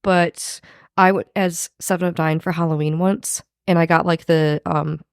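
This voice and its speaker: Woman podcaster with heavy vocal fry. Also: fairly low pitch, steady tone, moderate pace, dry recording, studio quality. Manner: informal, swearing, frequent "like". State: husky from recent covid. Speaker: podcast co-host. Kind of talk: casual recap chat.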